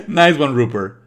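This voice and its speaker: A man offers offhand game commentary on a livestream, dismissive and opinionated, with swearing and halting explanations that circle back on repeated phrases. His pitch is medium and his tone fairly bright.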